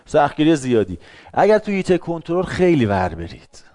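A middle-aged man giving a lively talk to an audience, acting out short everyday dialogues in shifting voices. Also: on the high side, no room sound, clean studio sound. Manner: acts out little dialogues in changing voices.

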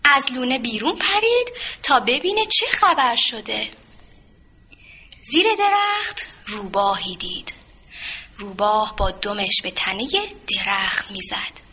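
A woman narrating a children's folk tale in a gentle, expressive, sing-song way. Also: a little high, slightly rough. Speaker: storyteller.

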